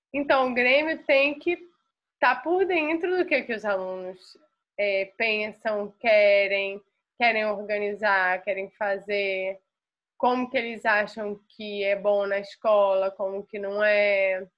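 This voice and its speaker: A woman's voice: a little high, muffled recording. A Brazilian woman teacher explaining a lesson patiently to a class, often restarting her words. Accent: Brazilian Portuguese.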